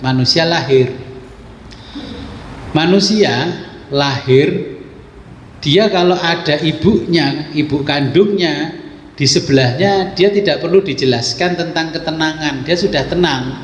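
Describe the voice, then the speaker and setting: A man leads a religious study lesson, his voice sitting slightly high. He explains in a relaxed, folksy way, tossing out rhetorical questions. The recording rings with a long hall echo. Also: unhurried, pauses often, slight background noise. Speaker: religious teacher. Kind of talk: kitab study lecture. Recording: echoey hall with faint ambience.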